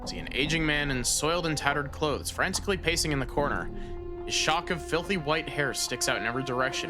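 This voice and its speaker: A man streaming a fantasy game reads its text aloud in a casual way, with hesitant fillers between lines. His voice sits in a middle range. Game music plays clearly underneath. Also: mid-range voice. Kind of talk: let's play commentary, reading game text.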